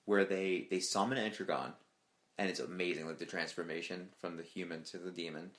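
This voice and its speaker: Deep-voiced excitable podcast co-host man. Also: a little fast. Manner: excitable, swears freely, acts out quotes. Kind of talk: casual podcast chat.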